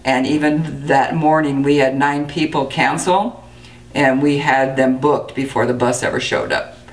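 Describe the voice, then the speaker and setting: A woman in her sixties, a dental clinic director, giving a steady, matter-of-fact interview with frequent fillers. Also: a bass voice, measured pace, recorded from a distance. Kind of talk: interview to camera. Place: indoor clinic room.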